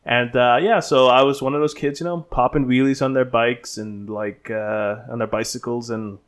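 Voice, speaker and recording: A man's voice: medium pitch, normal speed, smooth. Easygoing man from the Bahamas. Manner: relaxed, rambling, many restarts and fillers. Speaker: guest, stunt performer. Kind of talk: casual interview storytelling.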